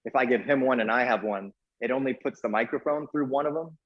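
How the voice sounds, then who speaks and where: A man's voice: medium pitch, fast talker, dull audio. A man coaching a live workout in an echoey indoor room, giving short cues and counting reps as he exercises along. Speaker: fitness coach leading a workout class.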